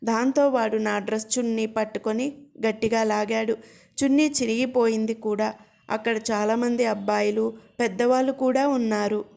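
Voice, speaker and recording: A woman's voice: fairly high pitch, steady tone, moderate pace, vocal fry, darkish tone. A woman narrating a first-person family story as the mother, also reading the children's lines. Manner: reads as the mother, voicing the children's lines too.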